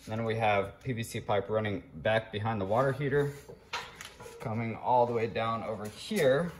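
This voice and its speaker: In a home garage workshop, a man with a lowish voice walks viewers through a hands-on DIY project at a moderate pace, addressing them informally as "guys." The casual vlog is recorded handheld, and background noise is clearly audible.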